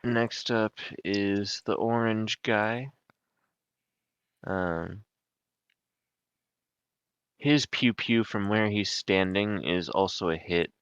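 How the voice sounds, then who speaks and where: A man's voice: fairly low pitch, extremely slow, long pauses, a bit bright, clean tone, dry recording, lo-fi sound. A man running a tabletop game as game master over an online voice call, hesitant with many ums, joking in a sports-commentary way.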